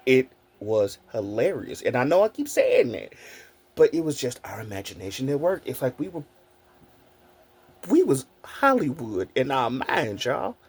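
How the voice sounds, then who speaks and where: A man in his forties with a husky, slightly raspy voice tells stories casually to his viewers. His pitch swings up and down constantly as he talks. He laughs often and swears freely. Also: very animated, unhurried, darkish tone. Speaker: content creator. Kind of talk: casual storytelling vlog.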